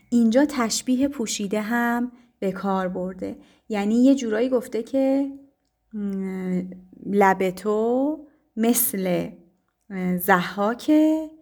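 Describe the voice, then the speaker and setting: A woman teacher explaining poetry to her students, speaking patiently with frequent pauses and fillers. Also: medium pitch. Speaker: literature teacher.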